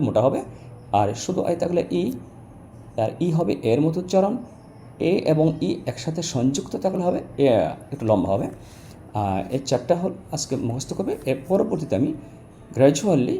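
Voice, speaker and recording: Lively, mellow-voiced male teacher. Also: medium pitch, a little hiss or hum. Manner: explains step by step, repeats example words slowly; addresses learners directly and informally. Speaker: English pronunciation teacher. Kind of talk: Bengali-language phonetics lesson.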